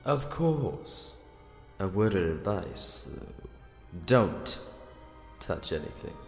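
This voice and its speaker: A man playing an ominous, courteous gatekeeper in an audio drama, formal and deliberate. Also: fairly low pitch, sing-song, full character voice. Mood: ominous courtesy. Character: ominous, courteous male gatekeeper serving a master. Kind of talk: scripted audio drama acting. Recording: echoey, reverberant, music behind.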